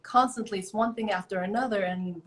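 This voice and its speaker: A woman's voice: medium pitch, brisk. A woman hosting a live online interview, friendly and upbeat, chatting casually while waiting for her guest. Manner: friendly, upbeat, fills waiting time with small talk. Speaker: podcast host. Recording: echoey room with faint background noise.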